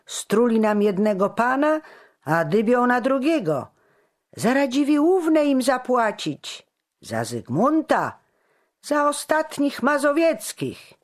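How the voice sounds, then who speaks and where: A reader voicing an angry heckler in a crowd shouting slogans. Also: mid-range voice, big pitch swings, slow, pitched above the performer's own voice. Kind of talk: audiobook character voice.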